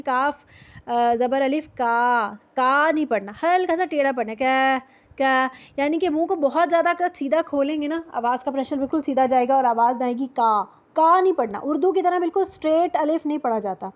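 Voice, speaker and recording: A woman teaching Quran recitation rules, explaining patiently and repeating sounds to demonstrate them. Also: high-pitched. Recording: dull lo-fi audio.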